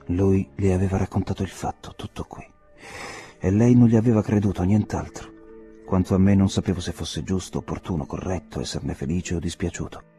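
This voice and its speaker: A man reading a literary novel aloud as an audiobook narrator, measured, low and earnest, turning dramatic in the dialogue. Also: steady tone, mellow, faint music behind.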